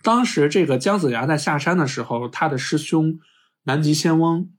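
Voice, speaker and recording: A man's voice: fairly high pitch, normal speed, slightly rough. A man hosting a podcast, casually and animatedly retelling an old story. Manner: animated storyteller, many restarts. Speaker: podcast host.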